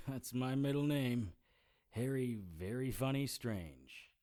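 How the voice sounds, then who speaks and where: An actor playing a wry, deadpan supernatural private eye who narrates his own audio drama in a hardboiled style. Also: medium pitch, slow. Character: dry-witted male private investigator narrator. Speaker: narrator and lead character.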